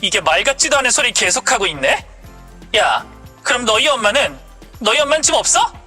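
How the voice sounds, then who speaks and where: A woman's voice: a little high, sing-song, brisk, pushed and bright, breathy edge, faint music behind, pitched above the performer's own voice, heavily acted. A woman voicing an angry young wife who scolds her husband and mother-in-law sharply. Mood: angry, scolding.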